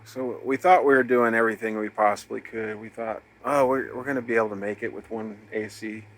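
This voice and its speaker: A man co-hosting a relaxed chat, easygoing and repeating words as he goes. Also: lowish voice, a little fast. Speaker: co-host of an RV living channel. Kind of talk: casual chat.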